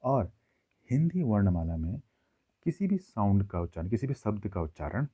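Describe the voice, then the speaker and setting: A man teaching a classroom grammar lesson, explaining slowly and checking in with his listeners often. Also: on the low side, sing-song, dark tone, husky. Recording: tinny phone-like audio.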